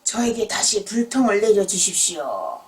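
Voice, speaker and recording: A woman's voice: mid-range voice, big pitch swings, normal speed, recorded from a distance, natural voice, rough recording. A woman storyteller voicing an honest, earnest young male scholar of old Joseon, speaking humbly and formally in a children's tale. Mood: earnest, humble. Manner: humble, formal, clearly spoken.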